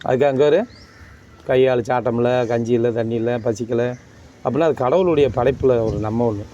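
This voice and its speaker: A man's voice: mid-range voice, a little fast, dark tone, dull audio, a little hiss or hum. Man coaxing someone to stop crying. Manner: coaxing, rambling, repeats himself. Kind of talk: consoling, street talk.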